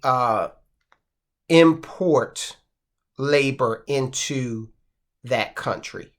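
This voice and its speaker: A man from the United States hosting a finance channel, talking casually about the news with asides and rhetorical questions. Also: medium pitch. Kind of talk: casual commentary.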